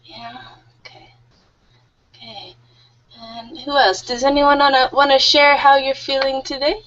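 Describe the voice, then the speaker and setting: A woman's voice: sits high, fairly even intonation, a little slow, a bit bright. A woman in her thirties teaching an online English group class, friendly and a little nervous, laughing often. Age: 30s. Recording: muffled lo-fi audio.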